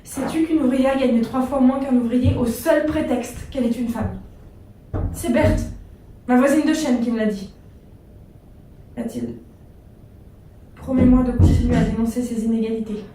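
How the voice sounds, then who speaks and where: An earnest young wartime factory girl reads her letters in a tender, measured way, as an actress puts her on. Her voice sits fairly high, and it sounds echoey and distant, as if taken from far back in a theatre. A faint hum runs underneath. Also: mellow, lightly acted. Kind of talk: stage reading of letters. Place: theatre stage.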